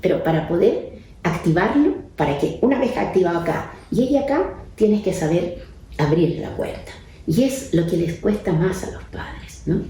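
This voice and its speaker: A woman, a neuropsychiatrist, explaining calmly with anecdotes and often ending her points with a questioning "right?". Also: on the low side, normal speed. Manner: frequent tag questions, calm explaining. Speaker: neuropsychiatrist guest speaker. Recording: very echoey room, faint background noise.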